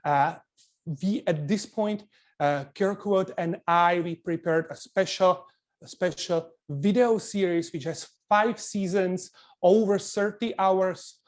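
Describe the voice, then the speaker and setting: A man's voice: sits high, slow pace. A man from the Czech Republic with a Czech accent, a chef instructor presenting a live cooking webinar in earnest, loosely phrased non-native English with frequent restarts.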